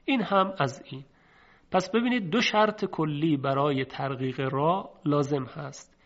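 A man teaching a recitation lesson patiently, slowing down and drawing out each example word. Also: a little high. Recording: dull lo-fi recording.

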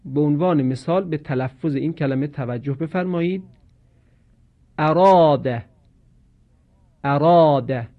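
A man teaching Quranic pronunciation in a slow, measured lesson, drawing out each example word as he recites it. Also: fairly high pitch, phone-quality sound.

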